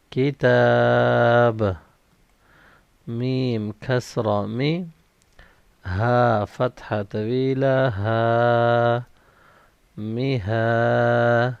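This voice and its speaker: A male Quran reading teacher drills his pupils syllable by syllable, spelling out each letter and vowel before he blends them. His delivery is very slow and unhurried, and his voice is smooth and resonant. The recording is dry and slightly dull. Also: medium pitch, a little mellow, no room sound.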